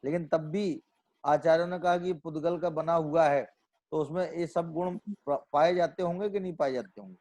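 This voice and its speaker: A man's voice: on the high side, normal speed, a little mellow. Man explaining scripture in a lecture. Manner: asks rhetorical questions and answers them himself; repeats and restates phrases as he reasons aloud. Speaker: Jain scholar lecturing on scripture.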